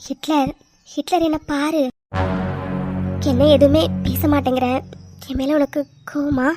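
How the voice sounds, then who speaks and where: A woman voicing a gentle, forgiving young heroine in a cartoon, soft and tearful as she pleads. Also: high voice, steady tone, a little slow, loud music behind the voice. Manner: soft, pleading, tearful, calls him Hitler fondly. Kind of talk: cartoon voice dubbing.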